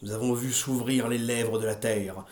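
A man reading aloud and voicing a fanatical old woman preaching a feverish, shouted sermon. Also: medium pitch, steady tone, moderate pace, echoey room, voice pushed down, lightly acted.

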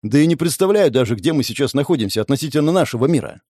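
A man's voice: mid-range voice, lively intonation, racing, warm tone, dry recording, studio quality, natural voice. A man reading the part of a male brigade leader who speaks matter-of-factly but uneasily. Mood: uneasy.

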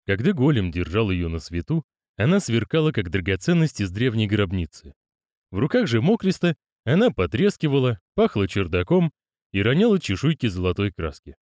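A man narrating an audiobook in a fairly low voice. His telling is animated, rising and falling through each sentence. The sound is dry and close. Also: moderate pace, no echo. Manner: expressive, storytelling delivery. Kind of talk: scripted narration.

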